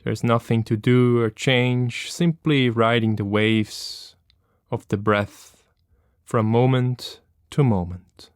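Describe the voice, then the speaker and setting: Long silences fall between the instructions as a man leads a meditation very slowly. His medium-pitched voice is smooth and clear, his delivery calm and gentle, and the recording is close and dry.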